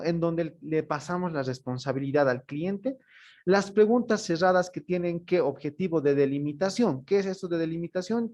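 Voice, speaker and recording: A man's voice: high-pitched, a little mellow. A male teacher giving a class on customer service, explaining step by step and ending his phrases with tag questions. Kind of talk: online class lecture.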